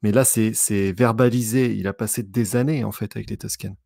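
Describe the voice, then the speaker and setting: A man on a casual podcast, talking in a measured, analytical way with dry humor. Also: fairly low pitch, steady tone, creaky, dark tone, dry recording. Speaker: podcast co-host.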